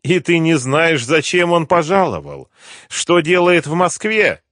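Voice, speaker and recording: A man voicing a cruel, mocking male gang boss who bullies and interrogates, raised well above his own deep voice. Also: big pitch swings, measured pace, fairly bright tone, dry recording, studio quality. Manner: sneering, bullying interrogation.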